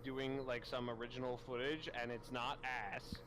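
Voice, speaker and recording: A man's voice: mid-range voice, level tone, moderate pace. A man co-hosting a casual podcast chat, stammering and argumentative, swearing. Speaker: podcast co-host. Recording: noisy amateur podcast audio.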